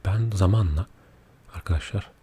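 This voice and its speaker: A man speaking quietly at night in a soft-spoken, confiding ASMR chat, unhurried and often dropping close to a whisper. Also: low voice. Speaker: ASMR video creator. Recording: audible background noise.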